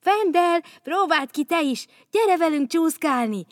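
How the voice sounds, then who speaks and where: A woman voicing a cheerful little snail boy in a storybook, calling out brightly. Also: mid-range voice, no echo, clean studio sound, lightly acted. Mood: eager.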